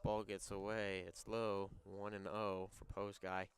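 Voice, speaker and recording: A young man calls the action of a high school baseball game. His voice is smooth and clear and sits a little low. Between pitches he trades jokes with his broadcast partner. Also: level tone, measured pace. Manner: banters and teases his co-announcer. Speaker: play-by-play announcer.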